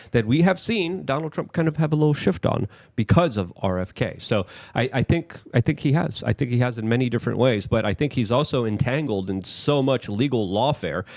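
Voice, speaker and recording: A man's voice: mid-range voice, a little mellow, no room sound. Male host, emphatic and restart-prone, dry close sound, political commentary. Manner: emphatic, repeats words while building points. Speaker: show host.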